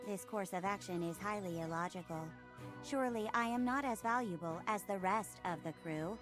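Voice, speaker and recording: A woman's voice: medium pitch, normal speed, over music, close to an everyday voice. A woman voicing a dutiful robot ship assistant, with stiff, formal robot speech and spoken beeps.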